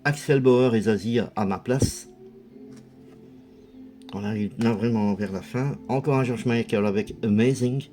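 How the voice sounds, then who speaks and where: A man's voice: medium pitch, unhurried, pauses often, mellow, faint music behind. A man casually commenting as a video host, chatty and hesitant, with lots of fillers. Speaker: video host showing a music collection.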